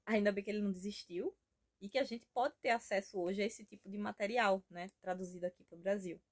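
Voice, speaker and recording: A Brazilian woman with a Brazilian Portuguese accent hosts a homemade reading vlog from her house. She talks in a relaxed, eager, rambling way, often checking in with little tag questions. Her voice sits at an ordinary middle pitch for a woman. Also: a little fast. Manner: chatty and enthusiastic, rambling with frequent tag questions. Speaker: book vlogger. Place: at home.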